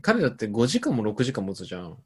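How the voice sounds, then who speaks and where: Husky, lively man riffing fast. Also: medium pitch. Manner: playful, riffing on jokes with deadpan absurd claims. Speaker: podcast host reading listener answers. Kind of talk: casual comedy chat.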